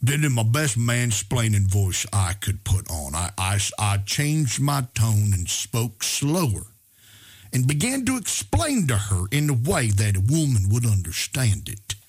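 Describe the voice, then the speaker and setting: Husky male host, earnest motivational storyteller who trips over his words and slows down for emphasis. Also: medium pitch, big pitch swings, a little mellow. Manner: earnest, frequent stammered restarts; slows down to stress key words. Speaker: podcast host. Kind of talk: personal story and motivational talk.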